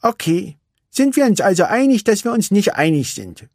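A man voicing a spunky, restless young girl racer in a storybook reading, with a high, cheeky voice. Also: sing-song, moderate pace, darkish tone, no echo, studio quality, heavily acted. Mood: teasing.

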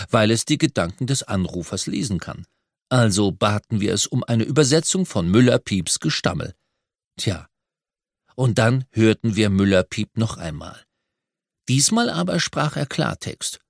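A man narrating a children's audiobook in a lively, expressive way. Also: fairly low pitch, gravelly, no room sound, studio quality.

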